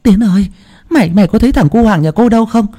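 A man's voice: high voice, fast talker, dark tone, pitched above the performer's own voice. A man putting on a wailing frantic mother. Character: distraught village woman searching for her son.

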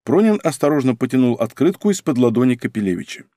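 A man narrating an audiobook in an expressive, scripted reading style. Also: medium pitch, quick pace, dry recording. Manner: expressive, character-acting reader.

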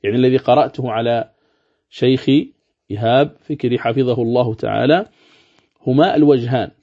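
A sheikh teaching a recorded lesson on Quran recitation. He explains step by step, repeats his points and slowly demonstrates recited words. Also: mid-range voice. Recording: dull lo-fi recording.

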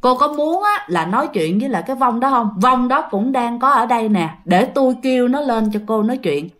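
A woman's voice: fairly high pitch, brisk. A woman telling a ghost story, speaking straight to her listeners and acting out the voices. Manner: animated, addresses listeners directly, acts out voices.

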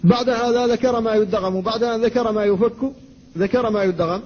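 A man, an Islamic scholar, giving a classroom lecture on Quran recitation. He explains rules at a measured teaching pace, recites verses slowly and stops to answer students. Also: high voice, fairly even intonation, a little mellow, breathy edge. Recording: dull lo-fi lecture recording with faint noise.

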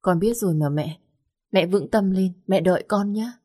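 A woman's voice: mid-range voice, moderate pace, dark tone, slightly rough, close to an everyday voice. A woman voicing a worried young waitress who speaks politely and urgently. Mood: anxious.

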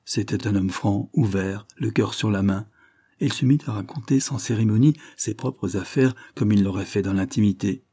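A man narrating a novel as an audiobook in a measured, even storytelling manner, with a husky voice. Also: on the low side, no echo, studio quality. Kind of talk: scripted narration.

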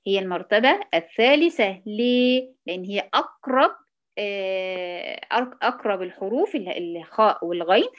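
A woman speaking with an Egyptian accent gives an online tajweed class, patiently testing her students on Quran recitation rules and offering praise. She has a mid-range voice, and the audio sounds dull.

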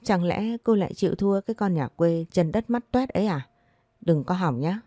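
A spiteful young woman in a storybook tale sneers at her rival, as a woman narrator puts her on. The voice is low and dark and recorded dry. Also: expressive, normal speed, no echo. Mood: scornful. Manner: scornful and bitter.

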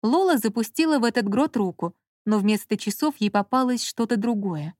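Женщина читает аудиокнигу, сухо. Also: female voice, fairly high pitch, expressive, normal speed, a little mellow, dry recording, clean studio sound. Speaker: narrator. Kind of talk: audiobook narration.

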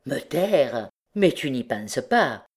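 A woman's voice: sits low, animated, measured pace, a little mellow. A woman reading aloud, voicing a desperate mother who pleads fervently, her voice raised above her usual tone. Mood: accusing. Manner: fervent, imploring. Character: desperate pleading peasant mother, middle-aged.

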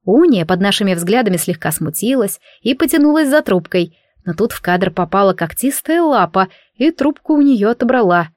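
A woman narrates a comic fantasy audiobook with lively, ironic expression at a medium pitch. Her voice is close to the mic and completely dry, with no room at all. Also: moderate pace, no room sound.

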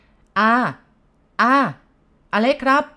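A woman's voice: mid-range voice, brisk, natural voice. A woman voicing a cheerful young man who brags eagerly about his new motorbike. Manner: eager, bragging. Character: young male motorbike fan, cheerful and boastful.

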